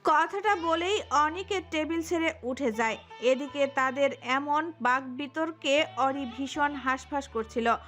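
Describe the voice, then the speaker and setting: A woman narrating a romantic audio story in an expressive storytelling manner. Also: high-pitched, measured pace, faint music behind.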